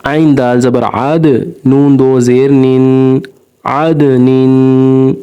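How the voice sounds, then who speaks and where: A man teaching Quran recitation, spelling out each letter and syllable and then drawing out the joined word slowly and patiently. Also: mid-range voice, little pitch movement, clear, resonant tone, muffled recording.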